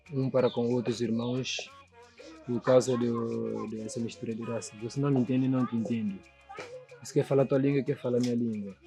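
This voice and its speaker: A male sculptor from São Tomé speaks with a São Tomé Portuguese accent in a documentary interview. His voice is mellow and warm, his delivery reflective and earnest, and he keeps checking that the listener is following. Soft music plays faintly beneath him. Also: medium pitch. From São Tomé and Príncipe. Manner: reflective, earnest, often asks "you understand?". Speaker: sculptor and painter.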